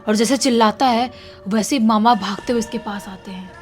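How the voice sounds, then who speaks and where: A woman with a fairly high voice tells a horror story dramatically, sinking into a hush when the tension builds. Faint music sits under her voice. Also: brisk. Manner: dramatic, hushed at tense moments.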